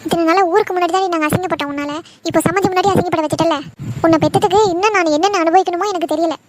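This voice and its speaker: A woman doing a shrill scolding cartoon mother. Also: fairly even intonation, very fast. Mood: bitter. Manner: shrill, cursing, bitter scolding. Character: angry scolding middle-aged mother. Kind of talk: cartoon drama voice acting. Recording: background music under voice.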